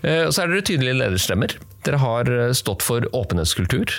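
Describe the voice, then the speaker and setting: A man's voice: mid-range voice, sing-song, gravelly, a bit bright, dry recording. A man hosting a podcast, introducing guests and asking questions conversationally. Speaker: podcast host.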